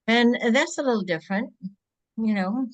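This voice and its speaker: A woman born in Greece, speaking as a guest over a video call, reflective and halting, often restarting her sentences. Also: on the high side, animated. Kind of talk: casual interview chat.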